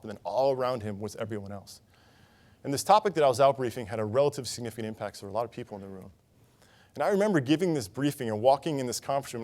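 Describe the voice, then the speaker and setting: A man's voice: medium pitch, darkish tone. A young man giving a conference talk, telling a personal story in an earnest way on a conference stage. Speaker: conference speaker.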